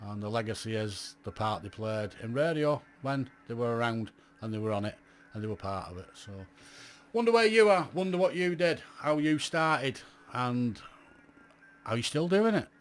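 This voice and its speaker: Lively in intonation, medium-pitched, and at a moderate pace, a middle-aged Englishman chats to his viewers about amateur radio. His vlog is casual, rambling, and blunt, and he peppers it with many questions for the audience.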